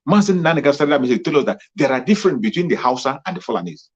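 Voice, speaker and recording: Racing along in a slightly high, very animated voice with a breathy edge, a man gives a fervent political monologue. He is a political commentator whose rallying speech repeats itself for emphasis, and the lo-fi recording sounds muffled.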